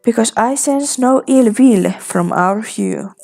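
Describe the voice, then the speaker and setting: A woman voicing a flamboyant, theatrical man who speaks grandly and flatters others in a game. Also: on the high side, slow pace, vocal fry, soft background music, exaggerated voice. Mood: effusive.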